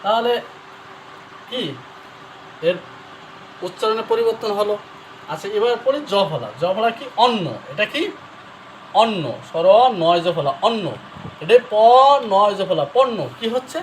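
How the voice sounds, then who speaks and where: A man's voice: high-pitched, expressive, a little slow, long pauses, a little hiss or hum, poor audio. A man teaching a pronunciation lesson, spelling words out letter by letter and answering his own questions step by step. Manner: asks the viewer questions then answers them. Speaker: Bengali grammar teacher.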